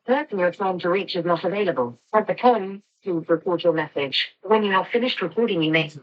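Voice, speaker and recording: A woman's recorded voicemail announcement, played over a phone line in a formal, measured announcer delivery. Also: on the low side, lively intonation.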